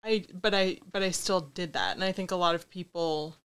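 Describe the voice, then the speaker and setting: A woman's voice: fairly low pitch, moderate pace, fairly bright tone, clear, resonant tone. A woman guesting on a podcast, speaking in a candid, reflective and self-deprecating way in casual conversation.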